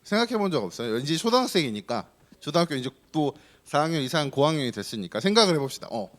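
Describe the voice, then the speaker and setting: Lively male pastor quizzing children. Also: fairly high pitch, quick pace. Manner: asks children many questions, playful and teasing. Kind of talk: children's sermon.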